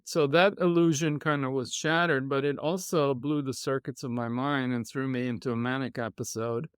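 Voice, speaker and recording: A middle-aged man, a podcast guest telling his life story in a reflective, measured way. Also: medium pitch, steady tone, smooth, no room sound, studio quality. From Israel. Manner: reflective, measured, with soft laughs. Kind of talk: conversational storytelling.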